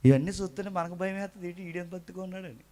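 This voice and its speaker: A male preacher with a notably high voice delivers a lively sermon. He throws out rhetorical questions and slips into quick impressions of people in his congregation. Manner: animated, rhetorical questions, mimics churchgoers.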